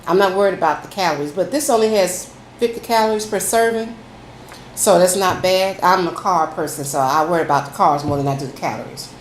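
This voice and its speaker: A woman's voice: on the low side, fairly quick. A woman food vlogger chatting casually to viewers over a meal in a folksy way, saying y'all. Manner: folksy, addresses listeners as y'all. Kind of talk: casual chatty mukbang, talking to viewers while eating. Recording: echoey room, faint background noise.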